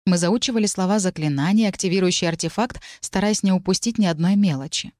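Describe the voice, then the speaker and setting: A woman reads a fantasy novel aloud in an even storytelling voice. Her voice sits at a middle pitch for a woman. The recording is dry and close, with no room sound. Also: fast talker, dry recording. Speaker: audiobook narrator. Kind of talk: read fantasy novel narration.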